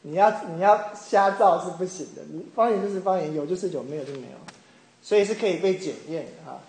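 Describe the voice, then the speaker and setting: A middle-aged man from Taiwan preaching a sermon, telling a personal story with animated mimicry of others. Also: high-pitched, quick pace. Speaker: pastor. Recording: echoey room with faint ambience.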